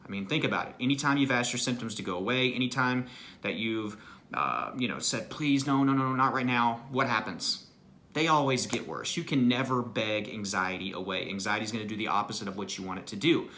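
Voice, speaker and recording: A man's voice: lowish voice, expressive, brisk, bright, forceful tone, a little hiss or hum. A man speaking as an anxiety recovery coach, giving an earnest, motivational self-help talk and often checking in with "right?" and "you know".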